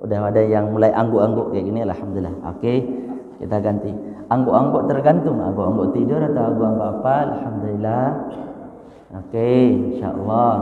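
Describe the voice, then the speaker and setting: A man's voice: fairly high pitch, dark tone. A man teaching Quran recitation to a class, asking questions and answering them himself, counting letters aloud and chanting short examples. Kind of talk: classroom teaching with call-and-response. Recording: echoey room with long reverb.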